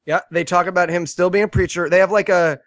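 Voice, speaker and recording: A man recapping a movie on a comedy podcast, sarcastic and animated, mocking the characters with quoted voices. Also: sits high, quick pace, no room sound. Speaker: guest movie reviewer.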